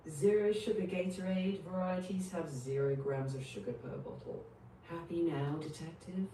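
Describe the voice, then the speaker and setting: Woman-voiced AI playing a sarcastic mocking AI assistant, low dark tone, slow, roomy distant playback from a device. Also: steady tone, a little hiss or hum. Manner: sarcastic, over-the-top mocking delivery. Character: snarky sarcastic female AI assistant. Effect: synthetic assistant voice played from a device.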